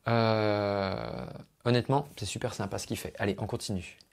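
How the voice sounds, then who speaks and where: A man's voice: on the low side, fairly even intonation, normal speed. A man working as a vocal coach, giving a chatty, explanatory spoken analysis of a singer's technique. He uses singing jargon and talks into his own microphone at a computer.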